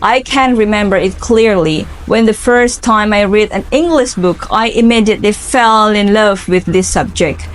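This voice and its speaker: A twenty-something Indonesian-accented woman carefully and earnestly responds to interview questions as part of an English speaking assignment, filling her pauses with fillers. Her voice is mid-range, and there's a little hiss or hum in the recording.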